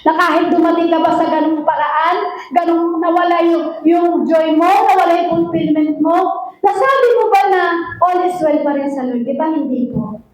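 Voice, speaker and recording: A woman's voice: very high voice, normal speed. A woman pastor giving an emotional, sing-song sermon with repeated appeals to the congregation. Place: church hall. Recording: very echoey church hall, mic far off.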